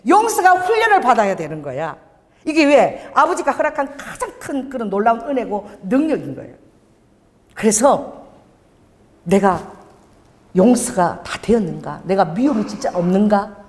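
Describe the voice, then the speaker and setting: A woman's voice: medium pitch, very animated, normal speed, darkish tone, big-room sound. A middle-aged woman pastor preaching a sermon with call-and-response and laughing asides. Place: church sanctuary.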